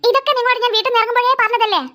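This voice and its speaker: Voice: very high-pitched, steady tone, very fast, pushed and bright. A voice actor playing a stern mother in a cartoon who scolds her daughter and refuses to buy anything on a trip. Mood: scolding. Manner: scolding, nagging. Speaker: cartoon character. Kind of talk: cartoon voice acting.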